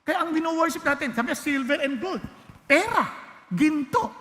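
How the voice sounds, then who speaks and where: A man's voice: extremely high pitch, lively intonation, moderate pace, big-room sound, slight background noise. A pastor preaching a sermon with emphatic exclamations and frequent checks on his listeners. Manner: mixes English and Filipino, asks the congregation if they are still with him; emphatic, rises to loud exclamations.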